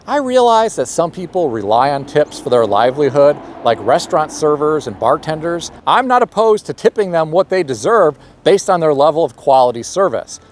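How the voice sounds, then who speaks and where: A middle-aged man hosting a personal finance channel, reading scripted commentary in a measured, opinionated way with touches of sarcasm. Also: a little high, very animated, slight background noise. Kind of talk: scripted commentary read aloud.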